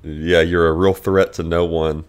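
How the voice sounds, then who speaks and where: A man hosting a casual sports podcast, reading news items and chatting with dry teasing, recorded as a low quality stream away from his usual studio. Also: flat delivery, measured pace, smooth. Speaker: podcast host. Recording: low quality stream, improvised holiday setup.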